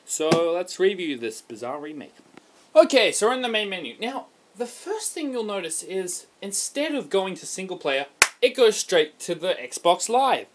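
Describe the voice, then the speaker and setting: An Australian man reviewing a video game over gameplay footage in a casual, profane, ranting way with loud emphatic outbursts. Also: sits high, big pitch swings, normal speed, background noise.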